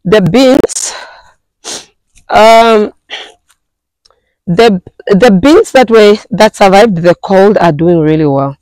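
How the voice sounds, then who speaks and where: A woman gives a rambling tour of her backyard garden, her voice hoarse throughout. She talks casually to her viewers with plenty of fillers and restarts, at a middle pitch. The sound is close and dry, recorded on a handheld phone outdoors. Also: slow pace, pauses often, darkish tone, no room sound, poor audio. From Namibia. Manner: chatty, hesitant, with many fillers and restarts. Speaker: gardening vlogger.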